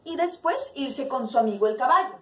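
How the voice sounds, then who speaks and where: A woman's voice: sits high, a little fast. Mexican woman telling a fable, far off. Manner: expressive, with clucking sound effects. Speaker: storyteller. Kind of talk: storytelling a fable. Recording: echoey room from far off.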